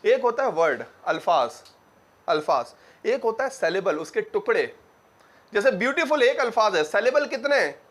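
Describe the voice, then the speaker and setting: A high-pitched young man teaches grammar in front of a class. He asks a question, answers it himself, and says key words slowly and more than once so students can follow. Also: big pitch swings, fairly bright tone. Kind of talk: classroom lecture.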